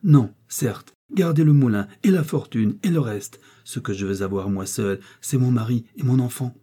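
A man's voice: medium pitch, normal speed, warm tone, slightly rough, lightly acted. A man reading the part of a young miller's wife who defies her cruel mother-in-law, speaking with heated, trembling defiance. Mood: impassioned.

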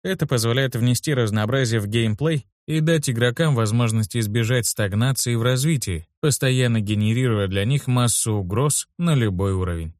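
A man reading a first-person audiobook in a steady, wry storytelling manner on a close studio mic. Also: mid-range voice, normal speed, few pauses, no room sound. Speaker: audiobook narrator.

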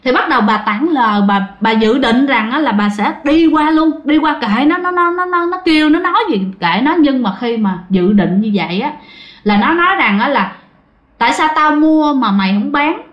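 A woman's voice: high-pitched, animated, normal speed. A woman who narrates ghost stories in a chatty, casual way and keeps addressing her listeners. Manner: chatty, addresses the audience often. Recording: dull, roomy recording.

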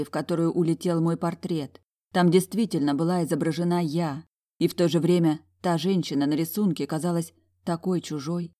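Woman reading a novel aloud in first person, measured and calm. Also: on the low side. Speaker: audiobook narrator.

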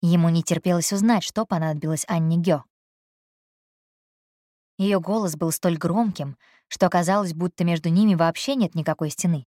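A woman's voice: lowish voice, moderate pace, dark tone, no echo. Woman reading a novel aloud, dry close sound. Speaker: audiobook narrator. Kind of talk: scripted narration.

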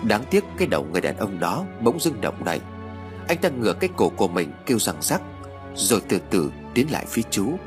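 A man narrating a ghost story in an expressive, dramatic reading style. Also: on the low side, fairly quick. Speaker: audiobook narrator. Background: background music.

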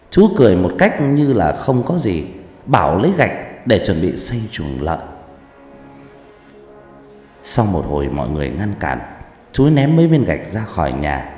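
Deep-voiced man telling a ghost story. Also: a little mellow. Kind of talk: first-person ghost story narration. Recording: echoey room, faint background music.

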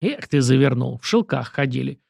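A man's voice: mid-range voice, expressive, a little fast, gravelly, darkish tone, husky, no room sound, studio quality, exaggerated voice. A man voicing a skeptical train conductor who asks doubtful, probing questions.

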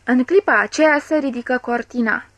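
A woman narrating a literary audiobook in a measured, even way, recorded close on the mic. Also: high voice, no room sound. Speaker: audiobook reader.

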